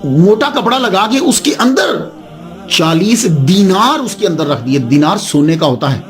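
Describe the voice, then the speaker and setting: A male preacher tells a religious story in a high voice. He delivers it dramatically, with swooping, animated pitch. Faint music runs underneath. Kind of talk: storytelling sermon.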